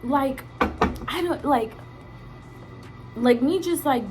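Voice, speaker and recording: Over music, a woman with a high voice talks slowly to her viewers in a casual, opinionated vlog. She's emphatic and slangy, with swearing and words repeated for emphasis.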